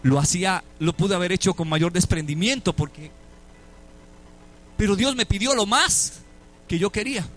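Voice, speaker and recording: A Puerto Rican pastor gives a sermon testimony, telling a story and acting out its dialogue with dramatic switches between voices. His voice sits high and a bit bright, moving at normal speed with frequent pauses.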